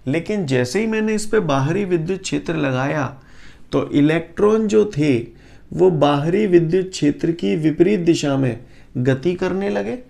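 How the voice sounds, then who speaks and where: A male physics teacher, lecturing a class, quizzing students and repeating definitions slowly. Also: on the high side, gravelly, darkish tone.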